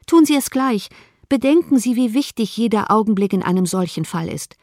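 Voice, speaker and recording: A woman reading the lines of an earnest, quick-minded young woman in an audiobook, eager and pressing. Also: medium pitch, a little mellow, no room sound, clean studio sound, close to an everyday voice. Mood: urgent.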